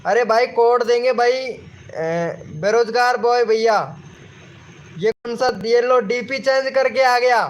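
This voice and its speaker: Guy streaming live, super high voice, hyped and repeating himself, bro this bro that. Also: slow pace, highs cut off. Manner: excited, repetitive, calls everyone brother. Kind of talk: casual live-stream chat reading viewer comments.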